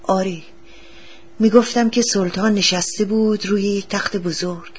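A woman voicing a gruff, bitter poor father. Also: mid-range voice, fairly even intonation, a little hiss or hum, lightly acted. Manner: gruff, scolding, superstitious. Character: poor bitter middle-aged father digging for treasure. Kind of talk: storybook reading.

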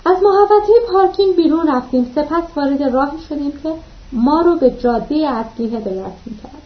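Woman reading an audiobook, high voice, steady pace, kinda muffled sound. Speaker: narrator. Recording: dull lo-fi recording.

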